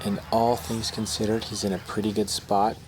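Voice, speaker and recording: A man playing a measured on-course golf commentator in a video game. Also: fairly low pitch, flat delivery, natural voice. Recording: loud crowd and outdoor noise.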